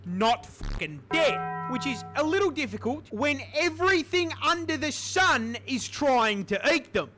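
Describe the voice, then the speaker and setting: A woman's voice: high-pitched, big pitch swings, a little slow, hardly any pauses, music in the background. A woman doing comedic scripted narration with a sweary, exasperated delivery. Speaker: video narrator.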